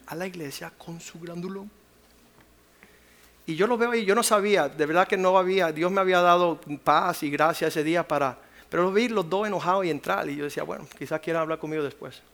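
A man preaching as a pastor, dropping to whispers and rising to loud acted quotes. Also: on the high side, fairly quick. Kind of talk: sermon.

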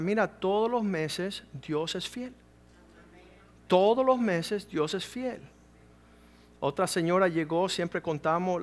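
A middle-aged male pastor delivers a sermon in a fairly high-pitched voice. He tells stories from his ministry with animation and acts out the people he quotes. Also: gravelly.

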